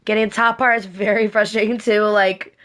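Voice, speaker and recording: A cosplay makeup vlogger with a cold talks in a mid-range, slightly raspy and scratchy voice that is a bit bright, with a level tone and a slightly fast pace. She rambles through a casual makeup tutorial, repeating herself and often correcting what she says.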